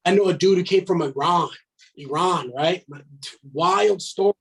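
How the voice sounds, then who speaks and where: A man's voice: sits high, unhurried, creaky, husky, poor audio. A man in his thirties, a podcast guest, talking in a blunt, emphatic way, swearing and filling his talk with "man". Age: 30s. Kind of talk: casual podcast chat.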